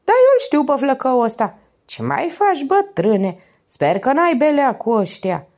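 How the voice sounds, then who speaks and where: A woman puts on a brash male tramp from an audiobook, loud and familiar, pitched high above her reading voice. He boasts and jokes freely with a lively, bouncing delivery. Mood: cheeky. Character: brash, cheeky old male vagrant.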